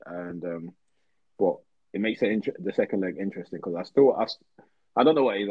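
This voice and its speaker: A man in casual football chat, relaxed and rambling with many ums. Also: low voice, slightly rough, dry recording, narrow, tinny audio. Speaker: podcast co-host.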